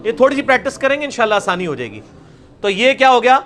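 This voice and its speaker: A man's voice: extremely high pitch, sing-song. A man teaching Quranic pronunciation, drilling letters aloud in a live class. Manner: drills letters by repeating them loudly, mixing Punjabi into Urdu. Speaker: religious teacher.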